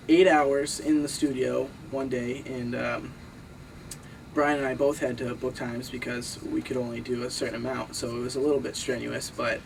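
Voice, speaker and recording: A man's voice: medium pitch, gravelly, recorded from a distance, a little hiss or hum, low-quality recording. A nineteen-year-old man from Massachusetts who helps produce the recording, speaking in a hesitant, uh-filled way in a documentary interview. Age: young adult. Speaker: bass player and producer.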